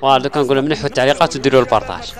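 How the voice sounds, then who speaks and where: A man with an Algerian Arabic accent hosting a game livestream, repeating phrases over and over and thanking viewers excitedly. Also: mid-range voice, racing. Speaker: gaming livestream host. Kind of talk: live-stream game commentary, thanking viewers.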